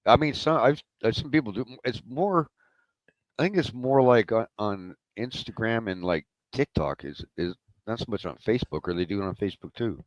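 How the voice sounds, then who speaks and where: Lively, halting man on a dry mic. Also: lowish voice, no room sound, highs cut off. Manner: halting, restarts sentences. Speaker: podcast co-host. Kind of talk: casual chat.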